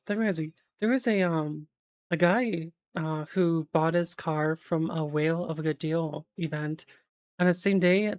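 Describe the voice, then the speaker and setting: A woman with a notably low voice chats on a stream, wandering through half-remembered facts with plenty of ums and casual swearing. The sound is dry and close, with no room around it. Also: a little mellow, no echo. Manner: rambling, filler-heavy, swearing, checks facts aloud.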